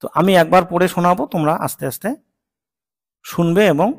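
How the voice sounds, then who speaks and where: A man teaching English consonant sounds in a slow lesson. He says each sound patiently and repeats it several times. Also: high voice, steady tone, long reverb tail. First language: Bengali. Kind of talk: slow spoken pronunciation lesson.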